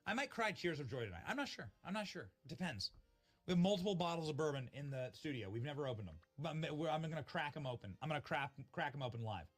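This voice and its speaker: A man hosting a live election-night stream from a studio, giving excited commentary and shouting gleefully at the results map. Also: a little high, fast talker, soft background music.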